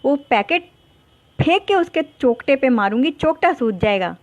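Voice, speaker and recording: A woman voicing a fiery, hot-tempered young woman student, ranting in quick scolding bursts. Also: sits high, very animated. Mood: exasperated. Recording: dull lo-fi dry recording.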